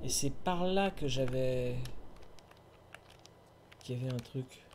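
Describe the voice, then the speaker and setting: A man's voice: medium pitch, slow pace, background noise. A man giving casual running commentary while playing a video game, chatting with viewers and humming to himself. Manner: chatty, talks to himself and chat, hums tunes.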